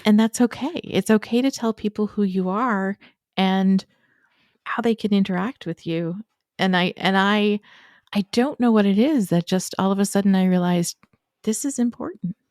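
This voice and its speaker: A woman's voice: medium pitch, moderate pace, a little mellow, dry recording, clean studio sound. A woman who works as an educator, talking as a podcast guest in an earnest, emphatic way and often checking in with "right?". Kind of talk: podcast conversation.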